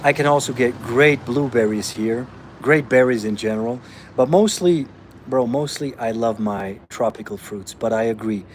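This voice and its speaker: A man's voice: mid-range voice, moderate pace, slight background noise. A man from Austria, a fitness coach answering viewer comments in a blunt, emphatic way, calling listeners bro.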